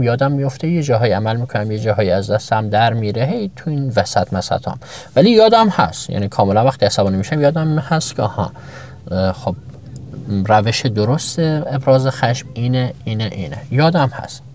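A man with a fairly low-pitched voice teaches self-knowledge in a motivational talk. He addresses his listeners directly with rhetorical questions and lists example after example. His voice often leaps higher to stress a point. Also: a little mellow.

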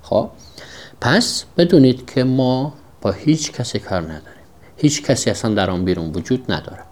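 A man's voice: medium pitch, expressive, a little mellow. A man teaching a self-development lesson in a podcast monologue, emphatic and repetitive, asking himself rhetorical questions.

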